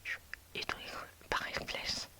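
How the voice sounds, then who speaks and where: Speaking at a measured pace, a woman whispers a personal story to her audience as a video creator. Her hushed, hesitant delivery is full of fillers and false starts.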